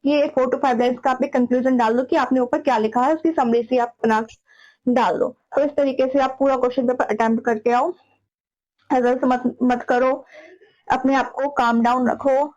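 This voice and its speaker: A woman's voice: high-pitched, steady tone, moderate pace, a little mellow. A woman teaching students how to write exam papers, talking casually and frankly, scolding a little and often adding "theek hai". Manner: frank, scolding, repeats "ठीक है". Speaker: teacher giving exam tips. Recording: dull lo-fi recording.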